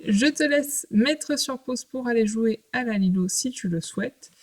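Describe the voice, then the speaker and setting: A woman's voice: on the high side, animated. Patient woman teaching young children. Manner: patient, clear, speaks to a young child, with pauses between short phrases. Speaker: primary school teacher. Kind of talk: recorded remote lesson for young children.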